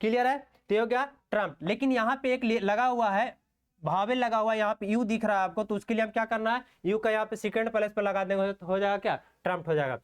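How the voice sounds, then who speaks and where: This man's voice is high and smooth as he teaches shorthand online, writing each stroke while walking through it slowly. Rhetorical questions and frequent "okay" check-ins punctuate his explanation.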